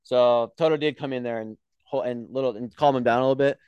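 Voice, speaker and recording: A young man co-hosting a casual podcast chat, telling animated stories and swearing freely. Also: medium pitch, fast talker, clear, resonant tone, no echo, muffled recording. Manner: animated storyteller, swears freely, acts out quotes. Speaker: podcast co-host.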